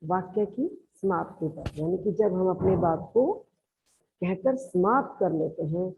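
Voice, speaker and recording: Woman, teacher, Haryanvi Hindi accent, patient classroom explaining, lowish voice, lo-fi recording. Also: unhurried, gravelly, slight background noise. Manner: explains patiently, calls listeners "beta". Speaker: school teacher. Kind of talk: classroom grammar lesson. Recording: lo-fi, narrow band.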